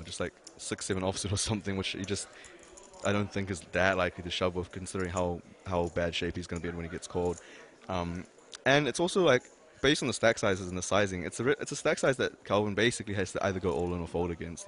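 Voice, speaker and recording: A man's voice: low-pitched, a bit bright. A man giving expert poker commentary, hedging his points with lots of fillers and restarts. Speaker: poker analyst.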